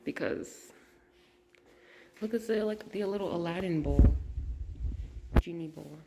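A woman's voice: lowish voice, a little slow, creaky, mellow, slight background noise. Chatty young woman touring on a phone. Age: 20s. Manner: chatty, enthusiastic, lots of "like". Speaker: vlogger. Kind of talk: casual chat. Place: historic house museum and garden, indoors and outdoors.

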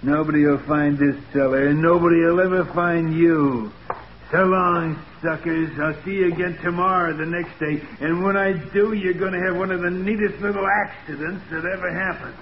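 A man's voice: fairly high pitch, fairly even intonation, moderate pace, close to an everyday voice. An actor playing a cocky, menacing American gangster in an old-time radio crime drama, with taunting, slangy tough-guy talk. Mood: gloating, threatening. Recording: muffled, noisy old radio recording.

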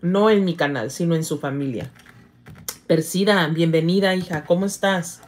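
A woman's voice: lowish voice, a little mellow. Middle-aged woman hosting a livestream, affectionate. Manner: affectionate, calls viewers "hija", halting with slips. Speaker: livestream host. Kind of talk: casual livestream chat reading viewer comments.

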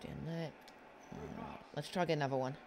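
A gaming channel host giving excitable live commentary on his own football game, exclaiming and talking to himself as he plays, on a headset. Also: medium pitch, fairly quick, creaky, background noise. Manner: excitable, talks to himself while playing, frequent exclamations. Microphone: headset headphones.

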